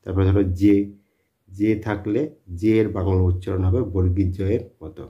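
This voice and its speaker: A man's voice: deep voice, flat delivery, moderate pace. A man teaching a spoken lesson, who repeats his points and answers his own questions. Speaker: English teacher. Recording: dull lo-fi sound.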